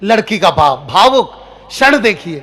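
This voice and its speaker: A young man doing comic storytelling on stage, acting out characters in quick voices and often shouting. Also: high voice, big pitch swings. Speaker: stand-up comic poet.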